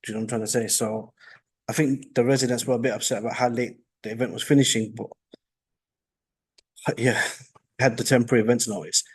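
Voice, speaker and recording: Gentle-voiced guy pleading his licence case, kinda husky, unsure. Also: mid-range voice, steady tone, quick pace, long pauses. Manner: soft-spoken, hesitant. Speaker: licence applicant. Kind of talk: formal hearing testimony. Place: council meeting room. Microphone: meeting room microphone.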